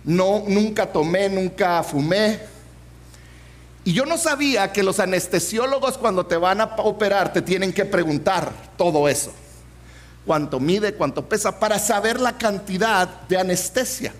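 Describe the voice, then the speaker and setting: Man preacher, 40s, very high voice, humorous storyteller. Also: lively intonation, a little slow. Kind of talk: sermon with personal story.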